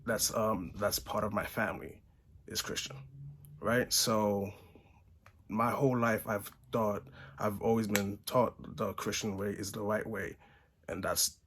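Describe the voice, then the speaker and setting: A Haitian man in his 20s hosts a casual vlog monologue in Buffalo, New York, speaking earnestly to camera, often restarting sentences and ending them with "right?". His fairly low voice is steady, a little slow and a bit bright, with slight hiss or hum in the audio.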